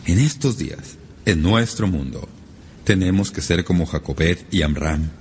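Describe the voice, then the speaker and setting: A man with a fairly low voice delivers a sermon, his pitch rising and falling in a lively, animated way. He leans hard on key words with sudden upward leaps. A faint noise sits under the recording. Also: measured pace. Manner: lively, emphatic preaching with sudden rises in pitch. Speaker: pastor.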